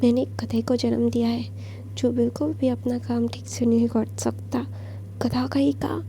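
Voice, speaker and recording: A gruff father grumbling and scolding his son, as a woman storyteller puts him on. The voice is gravelly and dark, with little rise and fall. It is read for a storybook-style telling. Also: on the high side, flat delivery, normal speed, slight background noise, natural voice.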